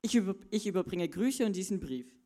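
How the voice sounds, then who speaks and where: A woman's voice: mid-range voice, expressive, a little fast, dark tone, close to an everyday voice. A woman playing a polite, dutiful male servant who speaks to his master in a formal, courteous butler manner, in a church children's Bible play.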